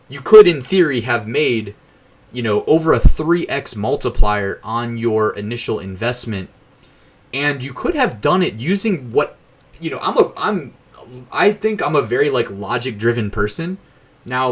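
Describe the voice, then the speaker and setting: Young male channel host, lowish voice, casual and meandering delivery with plenty of fillers. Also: a bit bright. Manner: rambling, thinks aloud with fillers and self-corrections. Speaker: YouTube host. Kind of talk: casual talk to camera.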